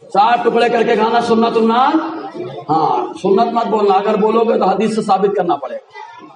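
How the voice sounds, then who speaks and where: A male preacher giving a fervent sermon, shouting and teasing his listeners to answer back. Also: sits high, lively intonation, normal speed. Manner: fervent, shouting, teases the crowd. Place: outdoor religious gathering. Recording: echoey, mic far off, loud crowd. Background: crowd of listeners.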